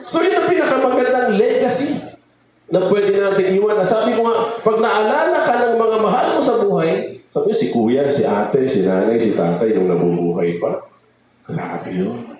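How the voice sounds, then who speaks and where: A man preaching in a very echoey church hall, his voice high and bouncing up and down through his sentences. He speaks as a lay preacher in an easygoing sermon. He jokes with his listeners and keeps asking them for an amen. Faint noise sits under the reverberant sound. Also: expressive, moderate pace, darkish tone. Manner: joking, keeps prompting the congregation for amens. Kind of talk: conversational sermon to a congregation.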